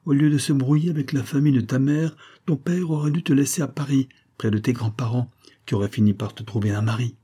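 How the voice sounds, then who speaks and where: A man's voice: mid-range voice, steady tone, quick pace, warm tone, breathy edge, pitched above the performer's own voice, natural voice. A man reading an audiobook, voicing a fussy middle-aged female servant who dotes on and scolds the girl she raised. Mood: scolding. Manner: scolding, doting. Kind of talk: audiobook character voice.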